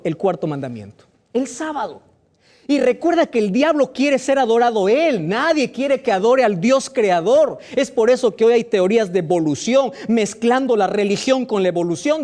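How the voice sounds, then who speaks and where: Male preacher, expressive, sweeping delivery, quizzes the listener and plays out objections. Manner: rhetorical questions to the listener, voicing imagined objections; lively, dramatic swings in pitch and loudness. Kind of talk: sermon.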